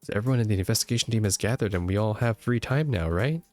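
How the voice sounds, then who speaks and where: A man's voice: fairly low pitch, fast talker, darkish tone, faint music behind. A man giving casual gaming commentary and reading story text aloud as he plays. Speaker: let's play streamer.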